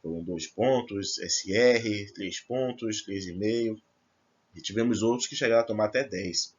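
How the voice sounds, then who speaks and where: A man's voice: on the low side, unhurried, husky, lo-fi sound. A man teaching a grammar lesson to first-year students, explaining step by step and checking in with his class. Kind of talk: recorded remote class lesson.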